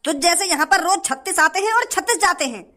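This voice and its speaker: A man's voice: extremely high pitch, lively intonation, fast, bright, forceful tone, heavily acted. A man voicing a rude, stingy male shopkeeper who scolds coarsely in a cartoon. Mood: scornful. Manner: coarse, scornful.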